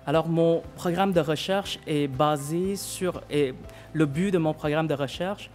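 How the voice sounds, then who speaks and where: A man's voice: fairly high pitch, measured pace, darkish tone, faint music behind. A man from Vietnam, a pediatric hematologist and researcher, giving a prepared thank-you speech with many fillers and restarts.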